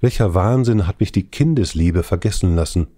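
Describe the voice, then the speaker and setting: A male audiobook reader voicing a despairing young princess in anguished, lamenting declamation, his low dark voice pitched up a little. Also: normal speed, no echo, studio quality. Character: despairing young princess, abducted king's daughter. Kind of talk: scripted audiobook reading.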